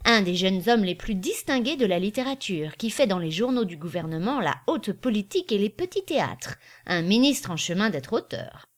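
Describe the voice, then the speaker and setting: A woman doing a loud, bombastic salesman. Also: medium pitch, sing-song, moderate pace, few pauses, close to an everyday voice. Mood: boisterous. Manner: bombastic, declamatory. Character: boisterous male traveling salesman, loud and showy.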